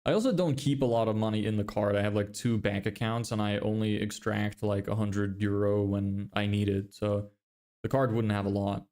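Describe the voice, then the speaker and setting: Speaking at a moderate pace in a lowish, steady, slightly mellow voice, a young man from Lithuania chats loosely on a livestream while building a business. His English sounds American; he reads viewer comments, jokes at his own expense, swears casually, and laughs a lot.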